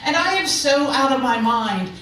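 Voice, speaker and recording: A woman comedian on stage tells her stories in a chatty way and lands each punchline with a rhetorical question. The recording is very echoey and heard from far off. Audience laughter and room noise come through clearly behind her. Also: high voice, expressive, normal speed. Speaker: stand-up comedian. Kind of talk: stand-up storytelling. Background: audience laughter and room ambience.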